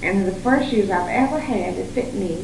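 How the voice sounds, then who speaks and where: A woman's voice: mid-range voice, lively intonation, a little fast, slight background noise. A woman songwriter bantering playfully with friends and laughing often. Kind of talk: casual chat among friends. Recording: old echoey tape recorded from far off.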